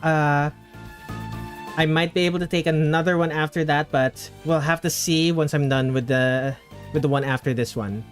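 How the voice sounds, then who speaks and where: A man's slightly high voice comes through a livestream headset mic with faint music underneath. He chats casually with viewers while he draws. He often stops mid-phrase and starts it over. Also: steady tone, moderate pace. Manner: chatty, trails off and restarts mid-sentence. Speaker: streamer.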